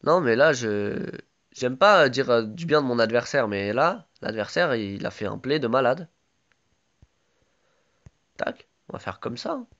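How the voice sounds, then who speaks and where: A man's voice: medium pitch, lively intonation, moderate pace, a bit bright, lo-fi sound. A man with a sore throat giving casual live commentary on his own game, chatty and full of gamer slang.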